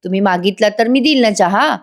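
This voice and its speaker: A woman's voice: mid-range voice, a little fast, close to an everyday voice. Woman narrator plays a firm, defiant wife. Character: defiant housewife Suman.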